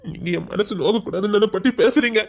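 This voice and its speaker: A man's voice: high-pitched, fast, creaky. A man playing a heartbroken young man who was rejected by his bride, speaking with a Tirunelveli accent in a pleading, despairing way. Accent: Tirunelveli Tamil. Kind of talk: village comedy drama acting.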